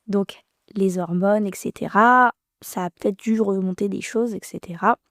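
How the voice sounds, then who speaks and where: A woman in her thirties, a podcast guest, recounting a personal story in a halting, emotional way with many restarts. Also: medium pitch, steady tone, no echo, clean studio sound.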